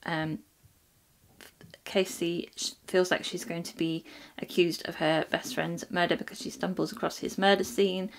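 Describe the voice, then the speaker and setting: A woman's voice: on the low side, flat delivery, measured pace, gravelly. Chatty woman reviewing books. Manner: chatty, many ums and restarts. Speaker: book reviewer. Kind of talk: casual book review vlog.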